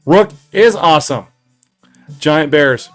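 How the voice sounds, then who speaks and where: Profane excitable man on a livestream. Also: on the high side, takes it slowly, faint music behind. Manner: profane, excitable, self-deprecating. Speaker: comic shop owner streaming. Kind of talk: casual livestream chat. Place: basement home office.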